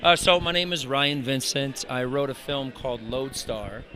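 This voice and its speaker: A man's voice: mid-range voice, moderate pace, crowd noise. A man, a screenwriter, chatting informally as an interview guest on a red carpet. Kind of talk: casual red carpet pitch of own film.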